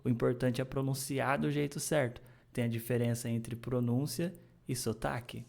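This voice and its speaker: Emphatic Brazilian man coaching, mid-pitched voice. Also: flat delivery, moderate pace, creaky, darkish tone. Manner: emphatic, slangy, addresses the viewer directly. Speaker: language coach and video host. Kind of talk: casual explanatory video commentary.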